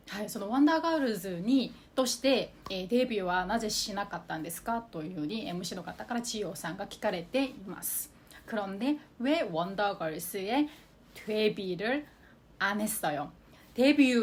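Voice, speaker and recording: A woman teaching a language lesson, repeating example sentences slowly and carefully. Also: medium pitch, darkish tone. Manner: slow, careful repetition of example phrases.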